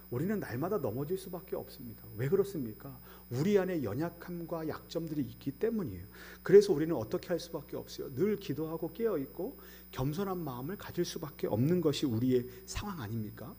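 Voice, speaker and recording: A middle-aged man preaching a sermon as pastor, asking the congregation rhetorical questions and swinging between loud emphatic scripture quotes and quiet asides. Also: fairly high pitch, slight background noise.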